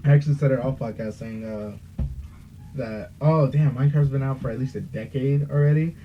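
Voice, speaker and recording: A man's voice: mid-range voice, normal speed. Offhand joking young man. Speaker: podcast guest. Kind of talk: casual chat. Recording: muffled with faint hiss.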